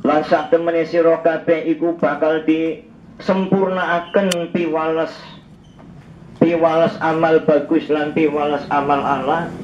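Older man, Javanese accent, formal outdoor funeral sermon through a handheld mic and loudspeaker; echoey, lo-fi. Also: fairly high pitch, flat delivery, a little hiss or hum. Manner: formal, measured, rising to emphatic. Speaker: preacher giving a funeral sermon. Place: outdoors at a street funeral gathering. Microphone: handheld mic over loudspeaker. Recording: echoey PA sound outdoors, dull lo-fi.

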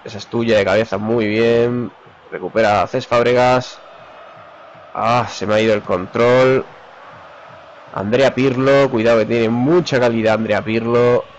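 A Spanish gamer commentates his own football match live, excitedly rattling off players' names in rapid play-by-play. His voice is mid-range, and the muffled recording has a little hiss or hum.

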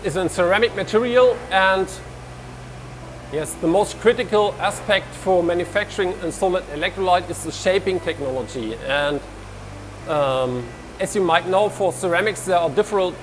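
A man's high voice carries over slight background noise as he gives a lab tour of a large industrial hall. He's from Germany, wears a lapel mic, explains things with his hands, and frequently restarts.

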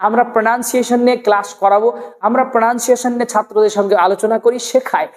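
A woman teaching an English pronunciation class, fairly high-voiced. She stretches each word slowly, repeats it and quizzes the viewer. The sound carries a long echoing reverb. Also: fairly even intonation, darkish tone. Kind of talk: spoken English lesson.

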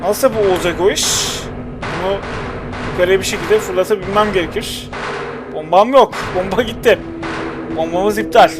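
A man's voice: high-pitched, normal speed, long pauses. A young man commentating his own gameplay, chatting and muttering to himself and at the game characters as he plays. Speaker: gaming channel host. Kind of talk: let's play commentary. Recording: game music underneath. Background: game music and sound effects.

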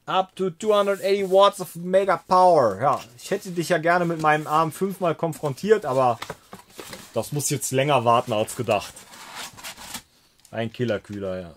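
A man's voice: a little high, normal speed, a little hiss or hum. A man chatting casually on a livestream while tinkering with PC hardware, joking around, reading out and thanking viewers' chat messages, and mixing in English phrases.

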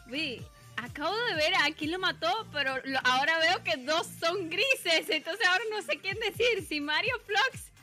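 A young woman talks casually in a group game call. Her voice is high and bright, with faint music behind it. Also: measured pace. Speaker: online game player.

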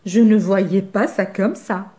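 A woman's voice: medium pitch, fairly even intonation, slow, warm tone, natural voice. A woman voicing a chatty, eager young female frog in a children's story, chirpy in tone. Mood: puzzled. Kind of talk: storybook character voice.

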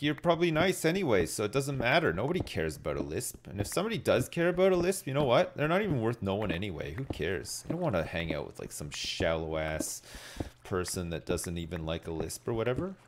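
A man's voice: mid-range voice, big pitch swings, a little fast, slight background noise. A middle-aged man giving rambling, laid-back, sweary commentary as he streams a game and chats with viewers. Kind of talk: casual live gaming commentary, chatting with viewers. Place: indoors at a desk, streaming.

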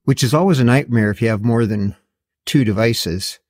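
This video host is a man, middle-aged or older, whose mid-range voice has a darkish quality and moves at normal speed. He walks through a product casually and matter-of-factly in an indoor garage workshop, his manner plain-spoken and slightly wry.

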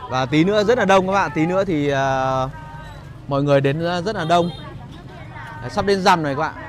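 A man giving a casual walking vlog commentary as a guide, pausing often on fillers as he talks to viewers. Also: on the high side, crowd noise. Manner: hesitant phrasing with frequent filler pauses. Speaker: market vlogger and guide. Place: outdoors in a busy rural street market. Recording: noisy outdoor market street ambience. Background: market bustle and vehicles.

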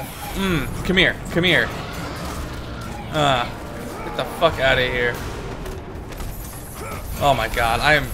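A young man hosting a gaming channel, commentating his play with loud, profane, raging outbursts. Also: mid-range voice. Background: game music.

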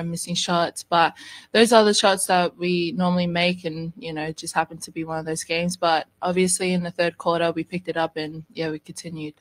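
A young woman college basketball player answering postgame press questions, hesitant with frequent ums, into a table microphone. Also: fairly low pitch. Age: young adult.

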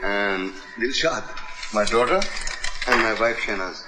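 An actor playing a polite, gently humorous middle-aged family man. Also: fairly low pitch, expressive, a little slow, over music, poor audio. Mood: polite, friendly.

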